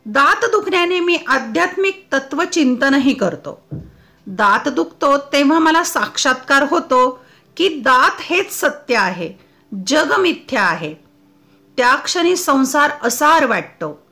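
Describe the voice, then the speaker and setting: A woman teacher reading a humorous textbook essay aloud with clear, deliberate recitation. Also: sits high, animated, pushed and bright.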